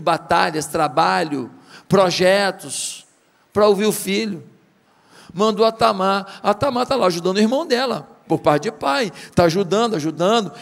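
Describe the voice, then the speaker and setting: High-voiced Brazilian pastor, echoing hall. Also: male voice, vocal fry. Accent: Brazilian Portuguese. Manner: dramatic, rhetorical questions to the congregation. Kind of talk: sermon retelling a story.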